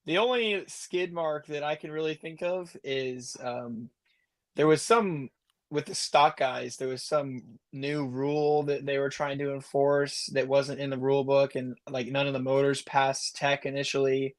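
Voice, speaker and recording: A man's voice: mid-range voice, fairly even intonation, unhurried. Easygoing male guest phoning in; earbud audio sounds boxy and hollow, like inside a fishbowl. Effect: muffled, hollow earbud call audio. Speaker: podcast guest, race winner. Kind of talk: casual chat. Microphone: wireless earbuds over a call.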